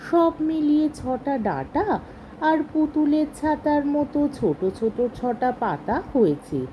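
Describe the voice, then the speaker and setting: A woman reading a short story aloud in a slow, measured way with expressive rises. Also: sits high, a little hiss or hum, poor audio.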